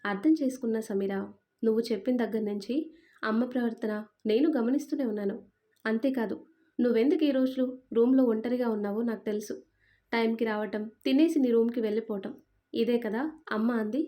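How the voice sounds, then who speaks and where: A woman's voice: a little high, a little fast, mellow, close to an everyday voice. A woman reading a story voicing a young husband who speaks in a soothing, earnest way. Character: caring young husband, calm and reassuring.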